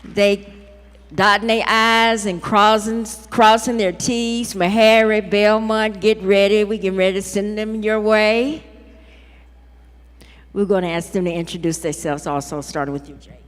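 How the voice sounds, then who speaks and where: A woman's voice: mid-range voice, steady tone, a little slow, faint music behind. A woman hosting a university ceremony, upbeat and proud, with casual asides. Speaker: program host. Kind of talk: ceremony emcee speech. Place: large hall. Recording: long hall reverb.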